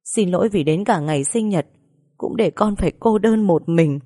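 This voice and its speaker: A grief-stricken mother, middle-aged and full of remorse, voiced by a woman reading the story. Her tearful, choked voice sits low and warm, heard close and dry. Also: moderate pace, no echo, natural voice. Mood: remorseful. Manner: pleading, broken apologies.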